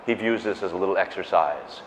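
Low-voiced and brisk, a middle-aged man gives a public talk on math through a lapel mic, pacing the stage and gesturing with enthusiasm. He's chatty, full of asides and self-corrections. The lecture hall makes the audio echoey and dull, with slight background noise.

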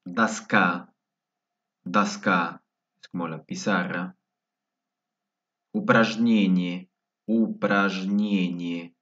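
A language teacher with a low, slightly bright voice leads a vocabulary lesson, patiently repeating every word several times. The recording sounds dull, as if from a distant mic.

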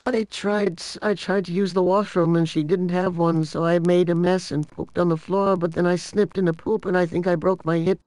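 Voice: medium pitch, steady tone, moderate pace, few pauses, darkish tone, no echo, natural voice, rough recording. A young person faking an old voice to play a cranky, litigious elderly granny in an improvised game role-play, plaintive and fussy. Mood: plaintive, indignant.

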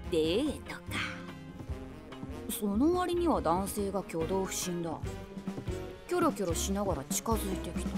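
An actress with a natural, mid-range voice narrates an audio drama conversationally in the first person. She plays a wry, self-deprecating 46-year-old woman, an eavesdropping daydreamer, and sounds curious and observant.

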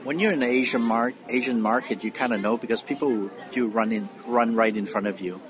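A middle-aged man walks through a large supermarket filming a casual vlog on his phone, sounding amazed and rambling with filler words. His voice is medium-pitched and fairly quick. The noisy phone recording captures store ambience and a crowd behind him.

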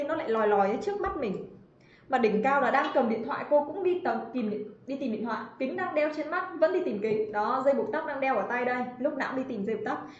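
High-pitched, with a slight hiss or hum in the background, a woman runs a grammar livestream in English. She chats, teases, and names individual students, all in roomy, somewhat dull audio.

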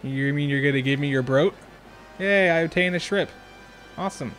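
A man's voice: fairly high pitch, moderate pace, a bit bright, soft background music. A young man hosting a let's play, thinking aloud in casual, chatty commentary.

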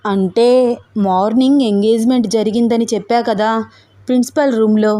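A woman's voice: a little high, fairly even intonation, moderate pace, dark tone, no echo, natural voice. A woman voicing a playful young woman who teases her fiancé with coy remarks. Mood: teasing. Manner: teasing, coy.

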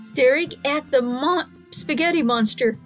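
A young adult woman with a high voice and measured pace reads out a video's captions and comments on it, exaggerating the dialogue as she acts it out. She's in a small indoor room, and music from the video plays in the background.

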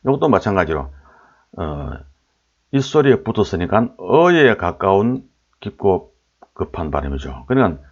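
A man with a very low voice lectures with a lively, swooping delivery. He sounds out sample syllables again and again and puts questions to his listeners. The recording is dull and lo-fi. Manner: repeats sample syllables aloud, asks rhetorical questions. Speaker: lecturer on old Korean pronunciation. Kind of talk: explanatory lecture.

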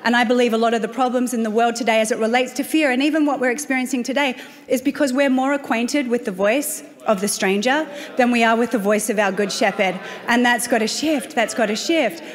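A woman's voice: fairly high pitch, fairly even intonation, quick pace. An Australian woman pastor preaching a sermon, telling stories with self-deprecating humor. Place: church auditorium. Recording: long reverb of a large hall.

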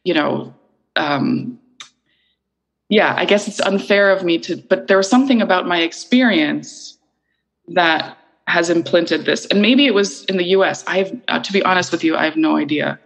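A woman's voice: on the low side, normal speed, creaky, poor audio. A middle-aged woman from Iceland, an interview guest talking thoughtfully and searching for her words. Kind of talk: reflective conversational interview.

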